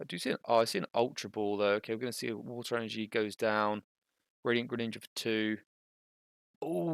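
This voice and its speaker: A young man giving casual, thinking-aloud commentary on a card game match, with bursts of excitement. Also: medium pitch, creaky, no echo, clean studio sound.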